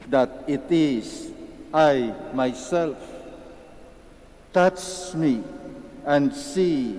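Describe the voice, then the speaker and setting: Male clergyman, slightly high mellow voice, solemn Gospel reading, long cathedral reverb. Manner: solemn, deliberate phrasing. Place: large reverberant church.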